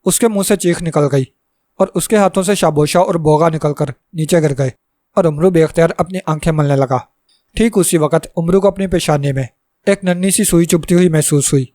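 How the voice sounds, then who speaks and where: A man narrating a fantasy story as a storyteller, in a steady, dramatic reading. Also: fairly high pitch, no room sound.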